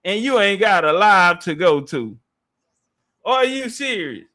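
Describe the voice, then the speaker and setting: A man's voice: sits high, sing-song, a little slow, sharp tone. A man hosting a live debate stream, confrontational and taunting in slangy speech, repeating phrases for emphasis. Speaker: live-stream panel host.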